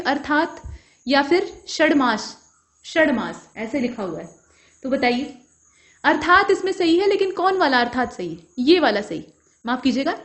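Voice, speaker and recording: A woman teaching Hindi grammar for an exam, working through each answer step by step and checking in with her students as she goes. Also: high voice. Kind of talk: explanatory lesson.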